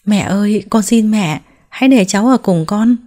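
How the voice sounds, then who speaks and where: A woman voicing a young mother who pleads gently and tearfully, with a mellow tone. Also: mid-range voice, normal speed, lightly acted. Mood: pleading.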